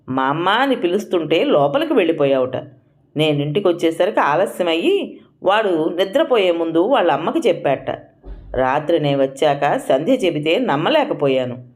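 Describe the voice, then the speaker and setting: A woman reading an audio story, voicing an angry young adult son who shouts his scorn at his mother. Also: lowish voice. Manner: shouting, contemptuous.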